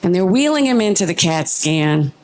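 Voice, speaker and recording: A woman performing a personal story live on stage, emotional, shifting between brisk stretches and slow, deliberate phrases. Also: fairly low pitch, big pitch swings, rough recording. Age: adult with a young child.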